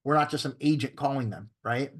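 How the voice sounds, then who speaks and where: A man's voice: medium pitch, brisk. A man teaching a real estate training class, talking casually and often checking in with his listeners. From Florida. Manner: conversational, repeats "okay?" and "right?" to check in; acts out phone scripts in a shifted tone.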